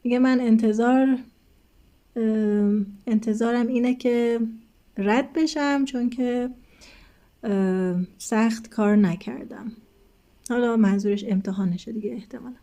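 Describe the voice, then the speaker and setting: Woman teacher, mellow voice, patient, explaining a lesson, fairly high pitch. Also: steady tone. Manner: patient, addresses students as kids. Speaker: English teacher.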